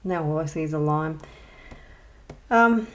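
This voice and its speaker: With a deep voice at a measured pace, a colouring channel host chats through a casual show-and-tell vlog, rambling and hesitant with many ums. She often makes self-deprecating asides, and slight background noise can be heard.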